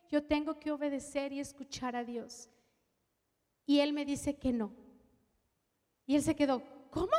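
A woman preaching a personal testimony, telling her story with strong emotion and dropping to a hush at tender moments. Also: high-pitched, in a large hall. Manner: emotional storytelling, shifts from loud to hushed. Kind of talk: testimony sermon.

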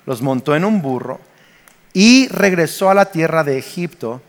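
A man's voice: on the high side, animated, moderate pace. A man in his forties with a Mexican Spanish accent, preaching a sermon as pastor and telling stories with animation. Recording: long reverb of a church hall.

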